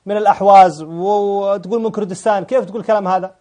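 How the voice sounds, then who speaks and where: A male call-in host with a high voice speaks fast and presses callers hard. He repeats their names to cut in and fires off pointed questions. His delivery stays rapid and insistent. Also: steady tone, darkish tone. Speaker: talk show host. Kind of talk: live call-in debate.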